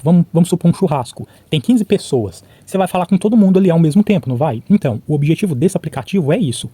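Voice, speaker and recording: A man from Brazil talks fast in a casual vlog, often ending his thoughts with quick check-ins to the viewer. His voice is dark and mellow, a little high for a man. The sound is dry and close. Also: husky, dry recording. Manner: chatty, frequent "tá?" and "né?" check-ins; replays conversations by imitating both sides. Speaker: vlogger. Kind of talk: casual talk to camera about learning English.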